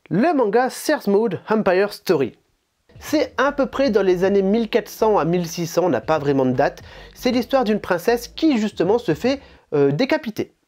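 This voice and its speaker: A woman hosting a manga channel, chatting casually and enthusiastically through an unboxing. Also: mid-range voice. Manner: animated, chatty and enthusiastic, with laughs.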